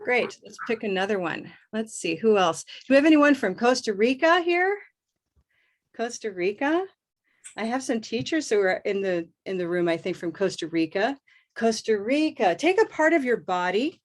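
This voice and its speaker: An upbeat American woman hosting a live online English pronunciation lesson and repeating words slowly for learners. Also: fairly high pitch, very animated. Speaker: host and English pronunciation teacher.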